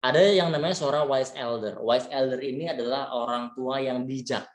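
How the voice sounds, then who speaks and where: A man giving a relaxed, chatty leadership lecture, full of fillers and tag words, mixing in English terms. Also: medium pitch, fairly quick. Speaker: leadership trainer. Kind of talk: casual webinar lecture. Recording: echoey room.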